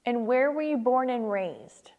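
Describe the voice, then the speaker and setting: A woman's voice: fairly high pitch, lively intonation, unhurried, phone-quality sound. A woman conducting an oral history interview, asking prepared questions.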